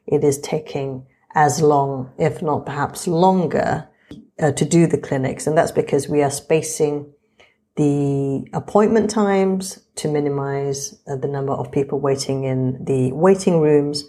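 Measured, low-pitched woman explaining. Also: dark tone. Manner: measured, formal, orderly. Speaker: breast surgeon and vlogger. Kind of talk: explanatory vlog narration.

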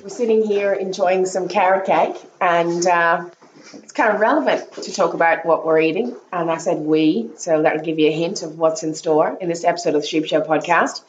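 A middle-aged woman with a croaky voice from a cold, hosting a casual podcast chat with lots of fillers and restarts. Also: lowish voice, moderate pace, distant mic, dull audio, slight background noise. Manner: chatty, many fillers and restarts. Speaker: podcast host. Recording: echoey room.

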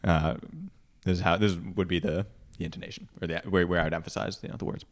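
A man's voice: low voice, fairly even intonation, fast. A man co-hosting a podcast in casual chat, delivering a wordplay riddle with frequent laughter. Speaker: podcast co-host.

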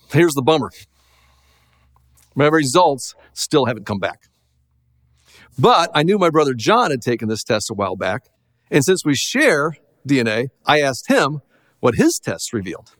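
A middle-aged man, a pastor, preaching a sermon in a lively, conversational way with self-deprecating jokes. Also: fairly high pitch.

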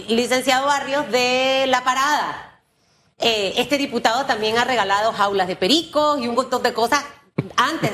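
Woman, morning talk show host, slightly high voice, chatty and pointed questioning, faint background hiss. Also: fairly bright tone. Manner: conversational, asks pointed questions. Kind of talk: news talk show interview.

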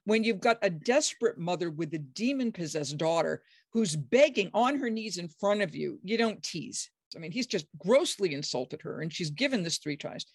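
A biblical scholar, middle-aged or older, talking with enthusiasm and emphasis and breaking into high, acted quotes. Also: expressive, normal speed, few pauses, dry recording, studio quality. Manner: acts out quoted speech with sudden high pitch jumps; emphatic, enthusiastic, frequent restarts. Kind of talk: animated explanatory conversation.

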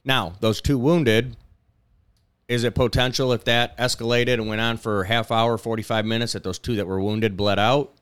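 A man's voice: mid-range voice, level tone, moderate pace, fairly bright tone, smooth, no echo. A man co-hosting a podcast in casual, blunt and profane chat. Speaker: podcast co-host.

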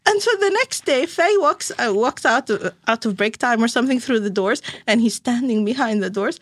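A woman telling lively stories about motherhood in an interview, acting out other people's voices and laughing often. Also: a little high, moderate pace, dry recording. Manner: animated, acts out quoted voices, laughs often. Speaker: guest mother sharing stories. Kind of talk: casual interview storytelling.

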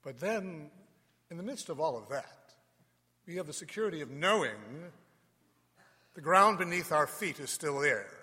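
A man speaking as a priest in a large, echoing church, reading scripture and preaching in a solemn, deliberate way with pauses. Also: fairly high pitch, animated, bright, forceful tone. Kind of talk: Gospel reading and homily.

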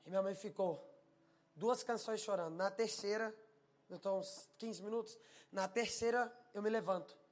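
A man preaching a sermon, telling a personal testimony and swinging from hushed tones to shouting. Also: high voice, normal speed.

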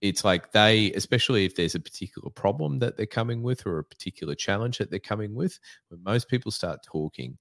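A man with a deep, low voice co-hosts a podcast in relaxed, reflective conversation. He talks in a measured way with plenty of fillers. The sound is close and dry. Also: vocal fry, dry recording. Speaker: podcast co-host. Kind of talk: casual conversation.

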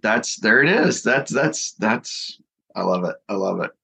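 A man's voice: fairly low pitch, animated, unhurried, gravelly, bright, forceful tone, husky. Playful, chatty man hosting a talk. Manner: enthusiastic, playful, many restarts. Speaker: podcast host. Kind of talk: casual conversational interview.

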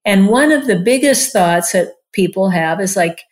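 In a relaxed interview, a woman in her sixties who works as a marriage and family therapist talks at a moderate pace with a medium-pitched, expressive voice. Her manner is chatty and warm, and she leans heavily on "like" as filler.

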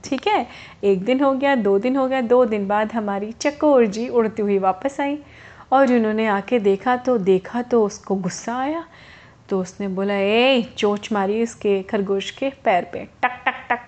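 A woman's voice: on the high side, measured pace, a little mellow. A woman telling a story to children in a chatty way, stopping to explain words to them.

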